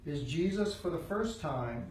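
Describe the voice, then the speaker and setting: A man's voice: a little high, animated, unhurried, a little mellow, slight background noise. A man teaching a Bible study, driving his points home through repeated phrases. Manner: emphatic, repeats phrases for weight. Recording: roomy sound from a distant mic.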